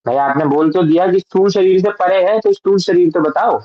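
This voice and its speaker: Guy teaching a vedanta class, keeps asking "got it?", slow chanted verses, kinda muffled dry audio. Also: high voice, no room sound. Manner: patient, checks understanding with frequent "है ना, ठीक है"; slow deliberate recitation of Sanskrit verses. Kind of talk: classroom lesson on a Sanskrit text.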